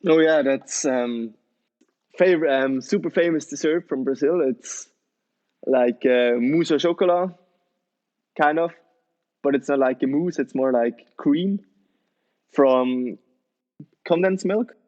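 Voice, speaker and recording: A man's voice: on the high side, slow pace, pauses often, a little mellow, muffled recording. A young man in his twenties, a BMX rider guest, chatting loosely about himself with slightly phrasing. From Switzerland. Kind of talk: casual interview.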